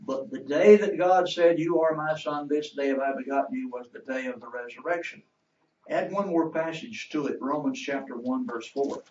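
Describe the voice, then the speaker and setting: A man's voice: medium pitch, moderate pace, darkish tone. A man teaching a Bible class, quoting scripture and asking the class questions. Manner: asks the class questions and waits for answers. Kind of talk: interactive Bible lesson. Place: church classroom. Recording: roomy, distant, dull church recording.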